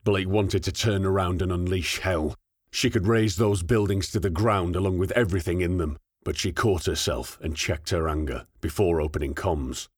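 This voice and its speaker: A man narrating a war novel as an audiobook in steady, measured scripted narration. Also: deep voice, slightly rough, no echo, clean studio sound.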